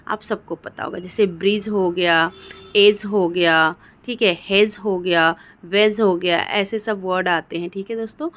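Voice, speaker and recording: A woman's voice: on the low side, fairly even intonation, unhurried, fairly bright tone. A woman from India, patiently explaining English spelling rules as a teacher and often checking that her students follow. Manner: patient, repeats "theek hai" to check understanding.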